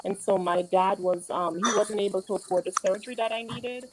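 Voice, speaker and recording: A woman's voice: medium pitch, steady tone, fairly quick, background noise. A woman from Jamaica, an author and nurse, speaking plainly and earnestly. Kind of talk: interview.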